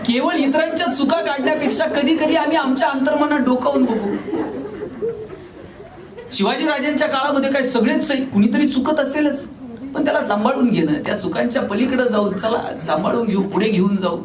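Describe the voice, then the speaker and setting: A man's voice: very high-pitched, fairly quick, a crowd in the background. A man from Maharashtra giving a motivational speech to a live audience. He tells humorous stories and acts out the dialogue. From Maharashtra, India. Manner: humorous storyteller acting out dialogue. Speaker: motivational speaker. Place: large hall with a live audience. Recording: echoey hall from far off, faint noise.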